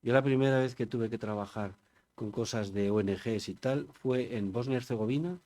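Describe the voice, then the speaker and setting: A man's voice: mid-range voice, normal speed, darkish tone. An older man from Spain giving an informal public talk, chatty and digressive, often turning to the audience with questions. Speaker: conference speaker.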